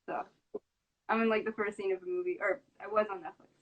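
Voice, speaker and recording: A woman's voice: mid-range voice, level tone, fast, lo-fi sound. A young woman chatting casually and lightheartedly, laughing easily. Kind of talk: casual chat.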